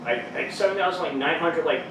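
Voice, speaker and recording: A man's voice: a little high, brisk. A man with a Texan accent hosting a metal podcast, rambling in casual chat with many fillers and swearing. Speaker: podcast host. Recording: echoey room, distant mic, noisy.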